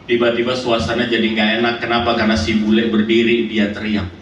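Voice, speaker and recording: A man preaching a sermon, telling stories with big swings in pitch and calling out for amens from the congregation. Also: monotone, fast talker. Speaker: pastor. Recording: echoey hall from far off, noisy.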